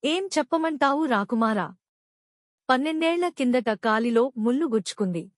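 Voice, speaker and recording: Woman doing wounded storybook tiger, pleading, weary, slightly high, dry sound. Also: expressive, normal speed, no room sound. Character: male tiger in pain, pleading.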